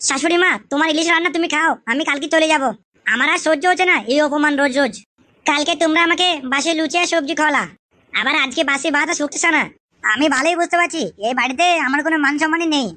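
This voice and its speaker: Hot-headed cartoon son-in-law, foul-mouthed, quick and high woman voicing. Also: pushed and bright, no echo. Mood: indignant. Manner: crude, swearing, indignant. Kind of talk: comic cartoon voice acting.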